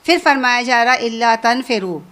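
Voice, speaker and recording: A woman's voice: fairly high pitch, a bit bright. A woman giving an informal religious lesson, talking conversationally, repeating phrases and asking her listeners questions. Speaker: Quran teacher.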